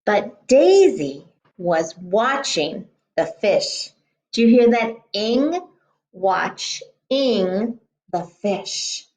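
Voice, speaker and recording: Woman teacher, storybook read-aloud, very slow pace, lively pitch, gentle questions. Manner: gentle, expressive, pausing to ask questions. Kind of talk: reading a picture book aloud to children.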